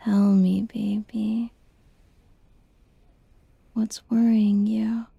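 A woman whispering a tender, reassuring girlfriend roleplay in a soft, soothing ASMR style. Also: mid-range voice, little pitch movement, extremely slow, gravelly, slightly rough, no room sound.

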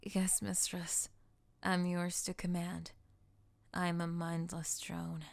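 A woman voicing a calm young woman who frees her boyfriend by counter-hypnosis, speaking softly and soothingly in an audio roleplay. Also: lowish voice, slow pace, creaky, noisy background. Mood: flat, obedient. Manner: soft, whispery, soothing hypnotic delivery.

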